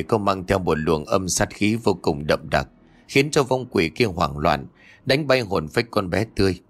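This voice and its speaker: A man voicing a stern old male exorcist master in an audio ghost story, speaking urgently and gravely. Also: low-pitched.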